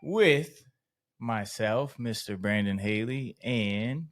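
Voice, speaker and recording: A man's voice: lowish voice, expressive, takes it slowly. A man hosting a podcast in casual chat, telling stories with frequent laughter. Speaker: podcast host.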